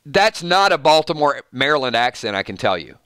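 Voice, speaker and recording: On a casual live stream, a Georgia-born man hosts in a chatty, rambling way, frequently laughing and reading viewers' comments, his accent Georgia US South. He talks fairly quickly in a sing-song, mid-range voice, a bit bright with a clean tone, captured in clean studio sound without room sound.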